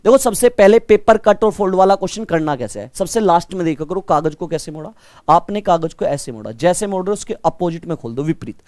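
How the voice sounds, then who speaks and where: Loud, energetic man teaching live. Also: high voice, fast talker, no echo. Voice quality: naturally loud voice. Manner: energetic, calls students brother, quizzes them. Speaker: reasoning teacher for exam prep. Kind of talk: live online lesson.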